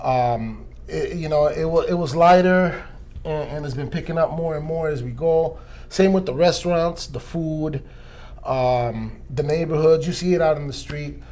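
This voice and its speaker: Halting man from Costa Rica. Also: a little high, darkish tone. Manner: halting, many restarts and fillers. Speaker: interviewee, DJ. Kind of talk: casual interview.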